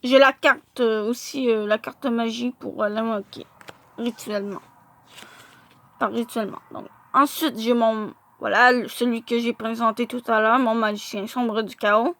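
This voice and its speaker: A woman's voice: fairly high pitch, steady tone, a little slow, a bit bright. A woman showing her card collection in a casual vlog, hesitant and full of filler sounds as she stumbles over English names.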